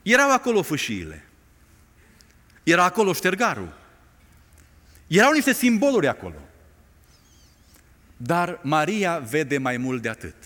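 High, lively impassioned preacher man. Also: long pauses. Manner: impassioned, dramatic rises and hushed drops. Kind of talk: sermon. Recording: long reverb of a large hall.

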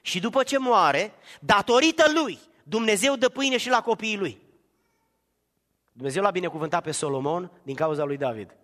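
A male preacher delivering a sermon in a slightly high voice, swinging from near-shouts down to hushed tones. His voice rings out with a long reverb in a large church hall. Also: animated.

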